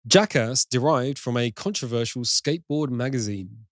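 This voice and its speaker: A man's voice: medium pitch, moderate pace, dry recording, studio quality. A British man co-hosting a casual film podcast, reading out trivia in long runs and laughing easily. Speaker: podcast co-host.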